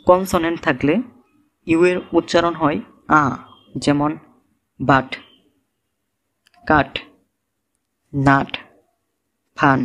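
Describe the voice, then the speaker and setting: A man with a Bangladeshi Bengali accent teaching English reading, spelling out words letter by letter and giving their meanings. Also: a little high. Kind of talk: slow instructional lesson.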